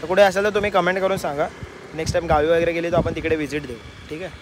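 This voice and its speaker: A man's voice: a little high, steady tone, rapid-fire, noisy background. A young man in his twenties chatting casually to viewers in a travel vlog, filmed on a phone held at arm's length outdoors. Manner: chatty, addresses viewers as brothers. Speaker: vlogger. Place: outdoors on a roadside and at a cafe.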